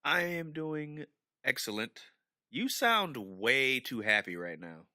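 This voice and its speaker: A man's voice: medium pitch, expressive, slow, sharp tone, no room sound, studio quality. A man with an American accent co-hosting a podcast with casual comedic banter. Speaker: podcast co-host.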